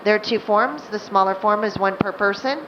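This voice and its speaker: A woman's voice: medium pitch, a little fast. Flight attendant lady on the plane pa, chatty cabin announcement, muffled sound. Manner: loose, chatty delivery with added fillers. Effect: cabin public-address loudspeaker. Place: airplane cabin. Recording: muffled lo-fi cabin recording, faint hum.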